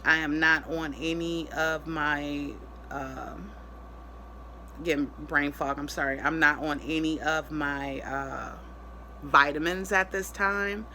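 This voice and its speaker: Woman vlogger, worn out and sore post-surgery, halting casual talk, bright voice, faint noise. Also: deep voice, fairly even intonation. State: tired and in pain after surgery. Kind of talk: casual personal health update vlog.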